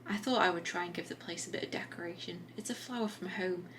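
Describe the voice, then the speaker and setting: A woman's voice: fairly low pitch, fast, noisy background, natural voice. A woman reading aloud the lines of a chatty old woman working in a café, about seventy, from her own manuscript. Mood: friendly.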